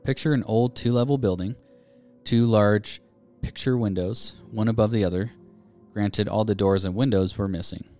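With faint music in the background, a podcast co-host reads ghost stories sent in by listeners, keeping a steady storytelling rhythm and chatting in a relaxed way. He speaks at normal speed in a fairly low voice.

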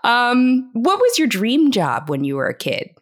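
A woman's voice: a little high, wildly swooping pitch, measured pace. A woman co-hosting a casual podcast, upbeat and asking her partner questions. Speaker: co-host.

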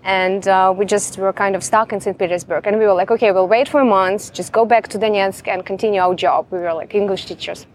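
A woman's voice: mid-range voice, fairly even intonation, fairly quick, hardly any pauses, slight background noise. Young woman telling her story. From Ukraine. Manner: chatty, fills with "like" often. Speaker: guest. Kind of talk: casual interview storytelling.

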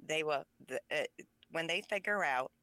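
A woman whose first language is Pennsylvania Dutch appears as an author guest in a conversational interview, speaking passionately and with emphasis. Her voice is deep, animated and sharp-toned at normal speed. The recording has no room sound.

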